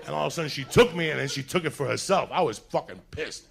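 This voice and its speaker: A man from New City, telling a crude, animated story and laughing through it. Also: a little high, fast talker, creaky, a faint crowd. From New York City. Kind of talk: profane comedic storytelling.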